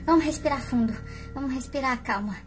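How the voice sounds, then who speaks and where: Woman doing a calm reassuring doll girl. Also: high-pitched, fairly quick, faint music behind, pitched below the performer's own voice, natural voice. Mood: soothing. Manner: soothing, reassuring. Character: calm, steady young woman doll who reassures friends.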